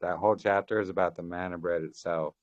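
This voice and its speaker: A man's voice: low voice, steady tone, quick pace. A man on a thin, fading call line, joining a Bible study discussion and explaining points at length while quoting scripture and restarting his phrases. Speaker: Bible study group member. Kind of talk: casual group discussion on a call. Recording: dull, dry lo-fi call audio.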